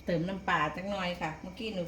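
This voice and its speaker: A woman's voice: lowish voice, steady tone, rapid-fire. Isan Thai woman in an echoey kitchen. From Isan, northeastern Thailand. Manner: folksy, chatty, with polite particles. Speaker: home cooking vlogger. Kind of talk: casual cooking demonstration, addressing viewers. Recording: echoey room, clear background noise, clattering pots.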